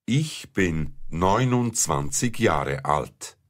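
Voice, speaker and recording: Low male voice for a language lesson, very slow, with animated intonation. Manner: clear, careful enunciation for learners.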